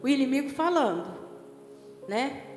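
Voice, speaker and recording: A Brazilian woman pastor preaches in a chatty way, often checking in with her congregation, and her voice sits high. The sound is very echoey, with a long church-hall reverb, and music plays clearly underneath. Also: animated, a little slow. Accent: Brazilian Portuguese. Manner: conversational, keeps checking in with the congregation. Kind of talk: sermon.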